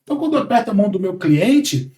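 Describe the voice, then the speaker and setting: A man in his forties from Brazil, a sales trainer talking in a podcast conversation, animated and emphatic, lecturing. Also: sits high, fast talker, roomy sound. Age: 40s.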